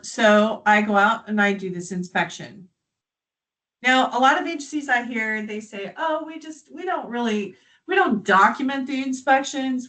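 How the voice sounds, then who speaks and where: A woman from the United States leading a live software training, explaining features in a friendly, chatty way. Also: mid-range voice, poor audio.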